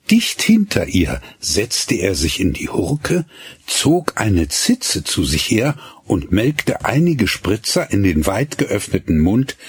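A man narrating a radio story slowly and expressively, voicing the dialogue as he goes. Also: lowish voice, breathy edge, no echo, clean studio sound.

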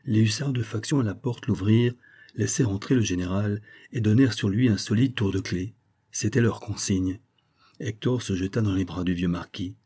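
A man reading a classic novel aloud in a measured, plain way. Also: fairly low pitch, warm tone, breathy edge. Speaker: audiobook narrator.

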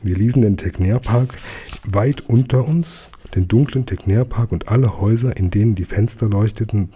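A man narrating a children's audiobook in a calm, measured way. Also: lowish voice, breathy edge. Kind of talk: audiobook reading.

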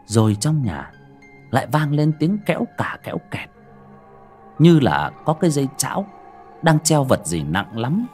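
A man's voice: medium pitch, sing-song, measured pace, long pauses, darkish tone, faint music behind. A man narrating a horror audiobook in a dramatic, suspenseful way. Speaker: storyteller.

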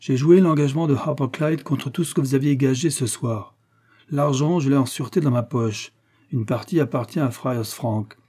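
A man's voice: mid-range voice, normal speed, mellow, breathy edge, pitched above the performer's own voice, lightly acted. A man voicing a daring, defiant young cowboy. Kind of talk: audiobook character reading.

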